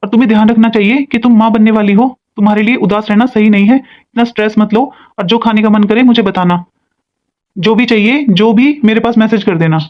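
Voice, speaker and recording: A performer voicing a caring young husband who gently reassures his wife over the phone in a cartoon. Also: mid-range voice, fairly even intonation, brisk, dull audio, pitched below the performer's own voice, natural voice. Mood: soothing. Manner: soothing, reassuring. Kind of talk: animated cartoon voice acting.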